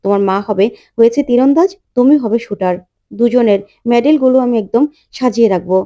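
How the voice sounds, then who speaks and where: A woman's voice: on the high side, brisk, dark tone, natural voice. A woman voicing a delighted, proud elder who praises cheerfully.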